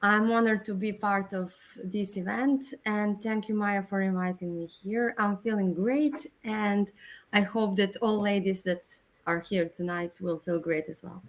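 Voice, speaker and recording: A woman's voice: medium pitch, steady tone, a little slow. A woman panelist greeting everyone graciously on an online meetup over a video call.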